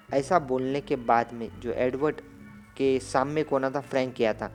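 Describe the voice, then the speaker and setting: A man narrating a film recap in a loose, conversational ramble. His voice sits at an ordinary middle pitch, and faint music plays beneath it. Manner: loose rambling retelling with filler phrases. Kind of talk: casual spoken movie recap.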